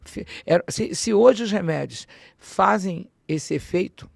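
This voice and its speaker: A woman, a guest on a podcast interview, telling a personal story in an animated way, acting out dialogue and often restarting her sentences. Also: medium pitch, unhurried, vocal fry, no echo, clean studio sound.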